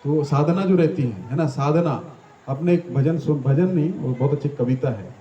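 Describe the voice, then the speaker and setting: A man with a fairly high but mellow voice gives a devotional talk in a small temple. He explains patiently and keeps checking with his listeners. The echoey hall and slightly dull recording carry a faint room hum behind him. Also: lively intonation, normal speed. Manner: explanatory, asks the audience questions, frequent "है ना" tags. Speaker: devotional teacher. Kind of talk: devotional discourse to a gathering.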